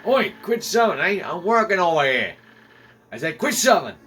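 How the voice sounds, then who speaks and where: A man voicing a gruff, rough-spoken male sailor while reading game dialogue aloud. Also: mid-range voice, moderate pace, a bit bright, distant mic, a little hiss or hum, pitched below the performer's own voice, natural voice. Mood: annoyed. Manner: gruff, rough working-class talk.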